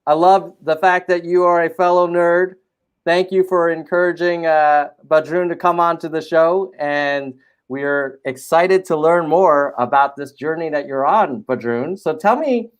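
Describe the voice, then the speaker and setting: A man hosting a casual interview show, enthusiastic and halting, with lots of fillers and restarts. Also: fairly high pitch, clean tone. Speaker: show host.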